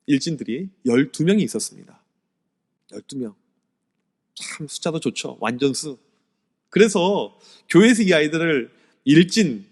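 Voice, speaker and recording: Animated pastor in a reverberant hall. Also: male voice, fairly high pitch. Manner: animated storytelling, swings from loud to hushed. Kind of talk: sermon-style teacher seminar lecture. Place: church sanctuary. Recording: long church hall reverb.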